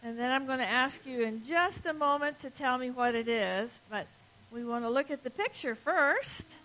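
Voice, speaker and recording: In a large church sanctuary before a congregation, a woman gives a children's sermon in the manner of a kids' show host, asking simple questions and pausing for answers. Her voice sits high with lively intonation, at normal speed and with a sharp tone, though the audio is poor.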